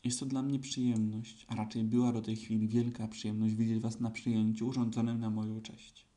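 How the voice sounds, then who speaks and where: A man voicing a gloomy, pompous old male donkey in a storybook reading, speaking slowly and solemnly. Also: on the low side, little pitch movement, dark tone, close to an everyday voice.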